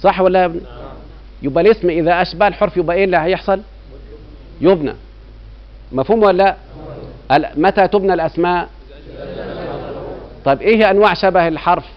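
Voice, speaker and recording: Egyptian male grammar teacher, middle-aged, higher-pitched voice, keeps quizzing his class, dull lo-fi sound. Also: quick pace, long pauses, slight background noise. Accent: Egyptian Arabic. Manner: keeps quizzing students with rhetorical checks. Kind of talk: classroom lecture. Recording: dull lo-fi recording.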